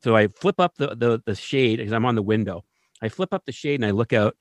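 Male guest telling a story, animated, mid-pitched voice, dry close sound. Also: brisk, no room sound. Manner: animated, keeps asking "right?". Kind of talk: casual storytelling.

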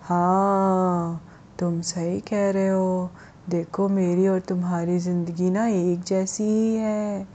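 A woman playing a slow, low talking stone. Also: flat delivery, mellow, muffled recording. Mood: calm. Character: slow, calm talking stone rock, male.

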